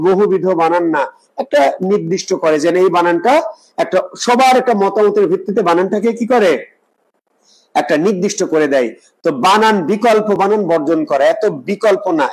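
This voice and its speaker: A man's voice: high-pitched, a little mellow, rough recording. A man teaching an exam preparation class, explaining step by step, repeating points and quizzing his students. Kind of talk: live online class lecture.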